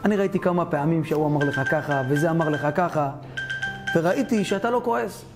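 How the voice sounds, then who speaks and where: A man's voice: on the high side, over music, pitched below the performer's own voice, natural voice. A man voicing a proud, stern senior rabbi who speaks in a grave, commanding manner, within a storytelling sermon. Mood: probing.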